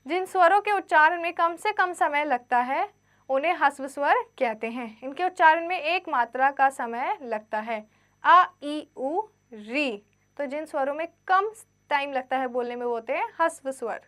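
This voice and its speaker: High-voiced woman teaching grammar to children. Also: expressive, normal speed, a bit bright. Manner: reads textbook lines, then re-explains them in simple mixed Hindi-English; asks quiz questions and answers them herself. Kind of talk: Hindi grammar lesson for children.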